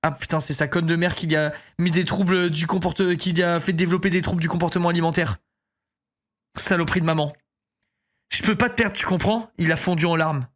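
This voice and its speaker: Expressive woman streamer voicing a visual novel. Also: fairly low pitch. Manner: voices characters with mock accents, breaks into swearing and laughter. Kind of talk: reading a visual novel aloud with live reactions.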